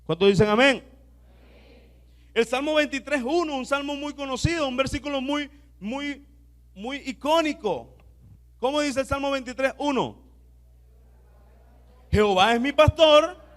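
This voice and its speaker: High-voiced male pastor preaching. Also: moderate pace, long pauses. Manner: exhorting, has the congregation repeat phrases aloud; shifts between soft asides and loud declarations. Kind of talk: sermon with call-and-response.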